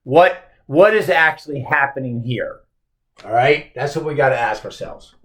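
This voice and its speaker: A man's voice: medium pitch, lively intonation, normal speed. A male teacher lecturing on a poem, posing emphatic rhetorical questions.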